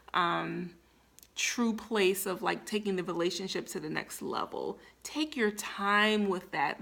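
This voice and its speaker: Woman, thirties, casual vlog talk, gravelly texture, chatty advice-giving manner. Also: fairly high pitch, fairly bright tone. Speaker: vlogger.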